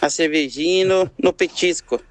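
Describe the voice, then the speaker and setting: Brazilian man phoning in, relaxed, dry close sound. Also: fairly high pitch, moderate pace, no echo. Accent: Brazilian Portuguese. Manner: easygoing, relaxed. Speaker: radio caller. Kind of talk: casual phone call.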